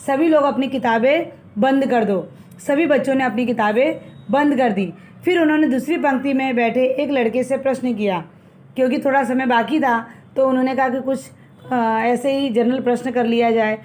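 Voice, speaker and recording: A woman's voice: sits high, a little mellow. A woman teacher retelling a textbook story as a lesson, repeating phrases and explaining the meanings of words.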